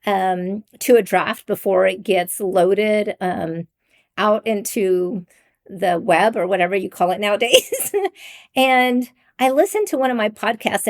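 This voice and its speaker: A middle-aged woman hosting her own faith-based coaching podcast, talking earnestly with frequent ums and soft laughs. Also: medium pitch. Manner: mimics raised greeting voices. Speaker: podcast host and life coach. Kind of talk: candid solo podcast talk.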